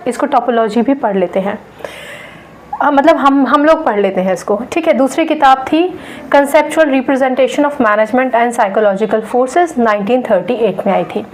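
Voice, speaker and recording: A woman's voice: high voice, rough recording. A woman teacher giving a lecture in an explanatory way, often checking in with her students. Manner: explanatory, checks in with "theek hai". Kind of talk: classroom lecture.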